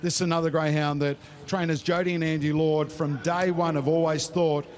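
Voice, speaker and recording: A man with an Australian accent and a slightly raised pitch, hosting a greyhound racing broadcast. He runs through form and odds in the manner of a betting tipster. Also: flat delivery, brisk.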